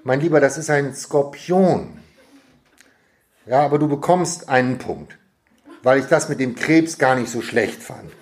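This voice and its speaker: A man voicing a warm, proud father who gently praises his children during a family quiz in a storybook reading. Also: medium pitch, a little slow, lightly acted. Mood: gentle. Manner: fond, generous praise.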